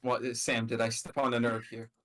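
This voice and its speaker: A man's voice: medium pitch, little pitch movement, fairly quick, fairly bright tone. A young man hosting a casual podcast chat, teasing his friends and laughing at his own jokes.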